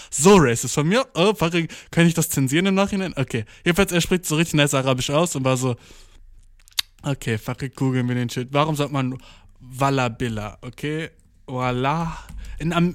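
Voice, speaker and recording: A man's voice: on the high side, no echo, studio quality. A young man in a casual monologue, talking slangy and swearing a lot, with English words mixed in. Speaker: vlogger.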